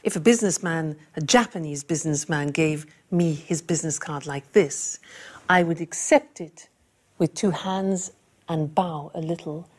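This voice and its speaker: A woman teaching an English lesson, speaking clearly and repeating key phrases for learners. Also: deep voice, a little slow. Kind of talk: classroom lesson.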